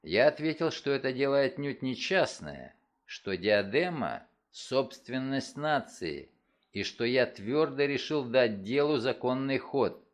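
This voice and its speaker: A man reading a first-person story aloud, with dramatic, expressive delivery. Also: medium pitch, measured pace. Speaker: audiobook narrator. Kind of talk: first-person scripted narration.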